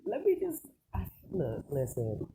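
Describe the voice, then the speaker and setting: With a dark tone, medium pitch, and huge swings in pitch, an online celebrity news commentator talks at a measured pace. The commentary is casual and rambling, delivered emphatically and colloquially with many rhetorical questions, over a clearly noisy, clicky recording.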